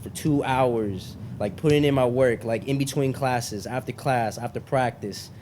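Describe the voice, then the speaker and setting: A man's voice: mid-range voice, a little slow, a little mellow, a little hiss or hum. A young man hosting a casual podcast, talking in a slangy frat-bro way, peppered with bro and man. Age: young adult. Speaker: podcast host.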